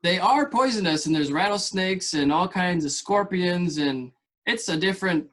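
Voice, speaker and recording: Male podcast host, fairly high voice, relaxed and chatty, loose rambling delivery. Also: normal speed. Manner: easygoing, chatty, trails off mid-thought. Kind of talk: casual interview chat.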